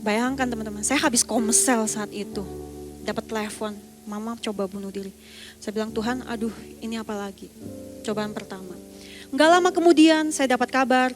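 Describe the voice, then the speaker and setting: Indonesian woman preaching, high voice, earnest story, soft music under it. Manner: earnest, personal storytelling with pauses and restarts. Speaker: evangelist preacher. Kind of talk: testimony sermon.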